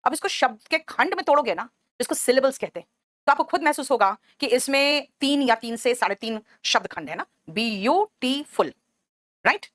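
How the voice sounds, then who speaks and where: Hindi-speaking woman teacher, high voice, very dry sound. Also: animated, a little fast, a bit bright, dry recording. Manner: explains patiently, calls students by name and "beta", asks "right?" often. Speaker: English grammar teacher. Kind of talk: online class lesson.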